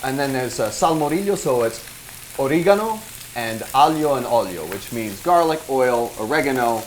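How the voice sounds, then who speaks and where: A man from Italy cooking in a kitchen, explaining a dish hesitantly, pausing with fillers as he searches for words. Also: mid-range voice, lively intonation, slight background noise. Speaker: guest chef and cooking teacher. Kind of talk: cooking demonstration chat. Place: kitchen with food frying.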